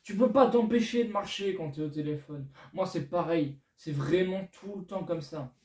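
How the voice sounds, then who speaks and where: Young male vlogger, high voice, teasing and casual; roomy sound, mic set back. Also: moderate pace, a little mellow. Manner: chatty, self-mocking, speaks straight to viewers. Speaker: YouTuber. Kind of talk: casual vlog talking to viewers. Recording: echoey room, mic at a distance.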